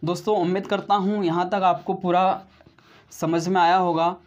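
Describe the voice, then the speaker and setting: This grammar teacher's voice sits high with a level tone. Speaking slowly and deliberately in his video lesson, he treats viewers as friends, says he goes step by step, repeats each example and keeps adding "right?".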